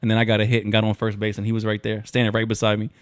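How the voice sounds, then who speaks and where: A young man co-hosting a podcast, chatting loosely and jokingly in slangy talk, now and then slipping into quick impressions of other people. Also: fairly low pitch, monotone, dry recording, studio quality. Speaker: podcast co-host. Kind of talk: casual chat.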